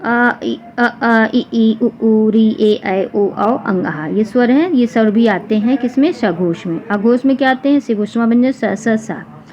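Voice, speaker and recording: A woman teacher explaining a grammar lesson for exam students, repeating example sounds slowly one by one. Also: a little high, darkish tone. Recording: dull lo-fi recording with faint noise.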